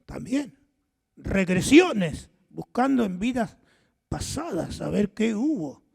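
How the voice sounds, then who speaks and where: An older man from Argentina with an Argentine accent and a hoarse voice, preaching a sermon as pastor, telling stories and acting out the dialogue. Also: high voice, sing-song, takes it slowly, darkish tone, big-room sound. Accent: Argentine Spanish. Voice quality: hoarse, gravelly voice. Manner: storytelling, acts out dialogue, asks the audience questions.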